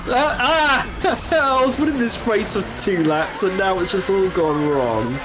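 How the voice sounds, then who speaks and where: A man streaming a game live, chatting and laughing often with sudden excited outbursts. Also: sits high, a little slow, noisy background. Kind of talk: live gameplay commentary.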